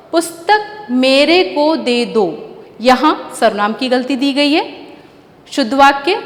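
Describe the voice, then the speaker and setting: A woman teaching a grammar lesson to children, slowly repeating and correcting each word. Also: sits high. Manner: slow, deliberate, repeats and spells out words. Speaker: school teacher. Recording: echoey room with long reverb.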